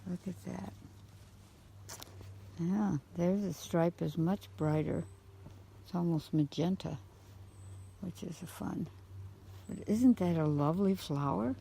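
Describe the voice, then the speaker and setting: Slow gravelly woman touring her garden. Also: fairly low pitch, dark tone, poor audio. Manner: enthusiastic, gushing, points things out. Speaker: gardener giving a garden tour. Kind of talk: casual walking garden tour. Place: outdoors in a home garden.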